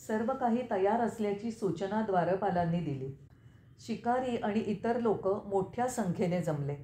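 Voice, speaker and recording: A woman narrating a scripture story in a steady, measured reading voice. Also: mid-range voice, slight background noise. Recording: echoey room with faint ambience.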